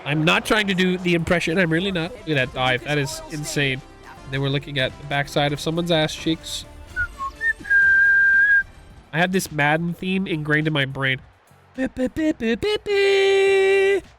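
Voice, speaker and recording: A young man giving casual, excitable commentary while playing a football video game, rambling and reacting loudly to big plays. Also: a little high, normal speed, soft background music. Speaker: gaming YouTuber.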